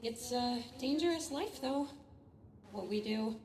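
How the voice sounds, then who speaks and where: A woman's voice: on the high side, a little slow, darkish tone. A woman playing an earnest, unsure young pirate recruit in a video game. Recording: roomy echo, faint background noise.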